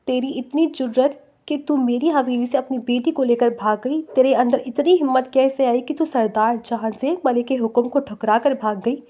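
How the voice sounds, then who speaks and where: A woman's voice: high-pitched, steady tone, few pauses, warm tone. A woman voicing a brutal, domineering male village chieftain who snarls insults in an audio novel. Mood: menacing. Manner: snarling, abusive.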